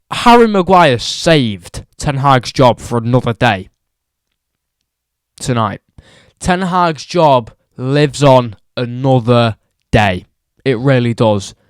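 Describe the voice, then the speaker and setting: A young man delivers an exasperated football rant at an unhurried pace, hammering the same points again and again. His voice comes through smooth and clean, with a dry, close sound. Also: a little high, dry recording. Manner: exasperated, repeats points for emphasis. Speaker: football vlogger. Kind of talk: ranting football commentary.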